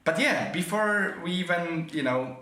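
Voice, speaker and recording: A man's voice: high-pitched, expressive, sharp tone, roomy sound, a little hiss or hum. A man hosting a podcast, talking casually and in a friendly way, with frequent fillers and restarts. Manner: friendly, chatty, halting with fillers. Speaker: podcast host.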